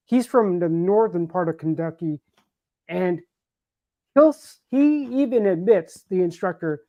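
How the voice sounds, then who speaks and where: A man's voice: high-pitched, warm tone, dry recording. An American man co-hosting a casual livestream chat, thoughtful and rambling, with restarts. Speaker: livestream co-host. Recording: dull, lo-fi stream audio.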